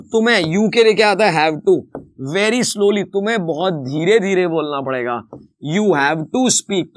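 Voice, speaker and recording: A man teaching a grammar lesson in a lively, chatty tone. He often calls his viewers "friends" and reads each example sentence slowly before explaining it. His voice sits high and the recording is dry and close. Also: no echo. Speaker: English teacher.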